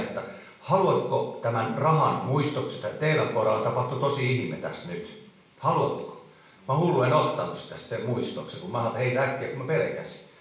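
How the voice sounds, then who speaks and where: A middle-aged man tells his testimony to a congregation, halting and emotional, full of small fillers and restarts. His voice sits at an ordinary pitch. It rings through a big echoey hall and sounds set well back from the microphone. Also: far from the mic. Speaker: preacher giving testimony. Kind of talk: testimony sermon.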